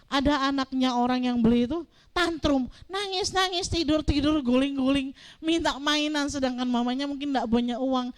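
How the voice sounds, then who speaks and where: Middle-aged woman pastor, high voice, lively storytelling sermon that acts out the dialogue. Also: moderate pace. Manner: animated storytelling, acting out dialogue.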